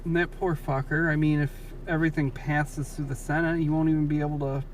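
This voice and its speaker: A man's voice: fairly high pitch, little pitch movement, a little fast. A man in casual, sweary, grumbling conversation on a livestream. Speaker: livestream co-host. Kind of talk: casual chat. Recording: distant mic with background noise.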